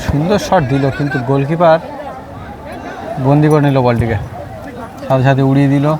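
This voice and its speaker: A man's voice: medium pitch, fairly quick. A man giving live running commentary on a local football match outdoors, in short play-by-play phrases with stock praise. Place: outdoors at a school playing field during a match. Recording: noisy outdoor ground, crowd and vehicle sounds. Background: spectators, loud outdoor ambience.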